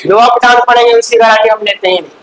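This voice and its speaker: Male classroom teacher, strikingly high-pitched, quizzes and scolds students, faint hissy recording. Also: steady tone, a bit bright, rough recording. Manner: quizzes students with quick questions and answers; scolding, chatty asides to students. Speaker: chemistry teacher. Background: faint hiss.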